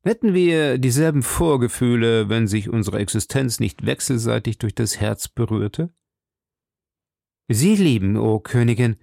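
A man's voice: mid-range voice, lively intonation, measured pace, gravelly, dark tone, dry recording, clean studio sound. A man reading an audiobook, voicing a fatalistic, lovesick duke with earnest devotion. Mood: ardent.

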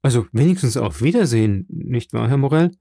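A man voicing a gruff, loyal old sailor in an audiobook, speaking in a strained, pressed way. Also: mid-range voice, lively intonation, a little fast, warm tone, no echo, clean studio sound. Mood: pleading, loyal.

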